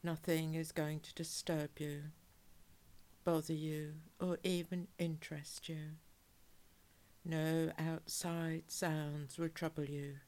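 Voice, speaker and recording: Low, slow, soothing woman guiding relaxation. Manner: calm, measured, soothing, with drawn-out phrases. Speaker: relaxation hypnosis guide. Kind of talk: guided relaxation hypnosis, soothing scripted narration.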